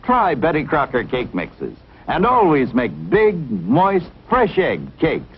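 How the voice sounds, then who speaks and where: A man announcing a commercial in a cheery, persuasive sales pitch, heard as old 1950s TV broadcast audio. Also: wildly swooping pitch, slow pace, slightly rough. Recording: dull lo-fi vintage TV soundtrack.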